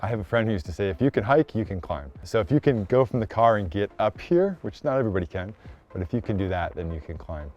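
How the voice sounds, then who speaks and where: Casting: male climbing guide, lowish voice, casual and encouraging instruction, recorded outdoors over a music bed. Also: a little mellow. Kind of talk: casual interview talk and on-location instruction. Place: outdoors on wooded trail and cliffs.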